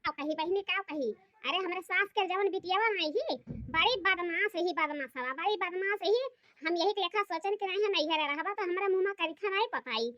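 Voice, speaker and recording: In a comic Awadhi cartoon, a female performer plays a young village wife who gossips and grumbles, her shrill, nagging chatter carrying an Awadhi accent at a moderate pace. The audio is dry, muffled and lo-fi.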